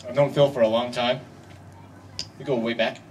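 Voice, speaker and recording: A man delivering a best man's wedding speech in a wry, deliberate way with pauses for effect. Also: medium pitch, steady tone. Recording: distant mic, noisy live event ambience.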